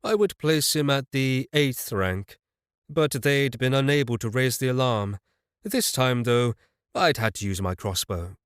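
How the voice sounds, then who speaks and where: A man's voice: mid-range voice, no echo, clean studio sound. A man narrating a fantasy audiobook in the first person, telling it evenly with a wry touch.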